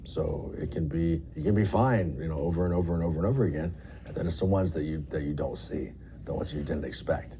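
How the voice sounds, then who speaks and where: A middle-aged air traffic controller answers interview questions candidly and earnestly, in an emphatic, plain-spoken manner. His voice is rumbling, low and warm, and he speaks fast. There's faint background noise.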